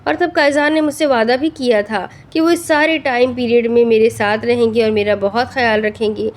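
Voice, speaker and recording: Tearful young pregnant wife, read by a woman narrator, pleading and hurt, rather high voice, audiobook storytelling. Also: steady tone, natural voice. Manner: pleading, upset.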